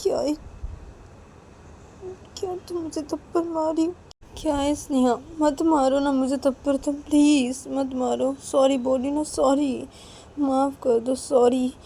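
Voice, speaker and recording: A woman's voice: sits high, steady tone, takes it slowly, dark tone, a little hiss or hum, pitched above the performer's own voice. A woman voicing a tearful young woman who keeps pleading and apologizing, crying as she begs. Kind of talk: storytelling role-play.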